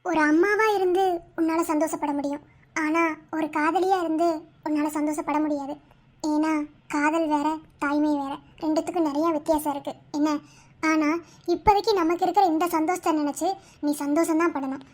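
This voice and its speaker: A woman's voice: sits high, steady tone, a little fast, lightly acted. A woman voicing a loyal young female best friend in a cartoon, earnest and consoling. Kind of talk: Tamil cartoon voice acting.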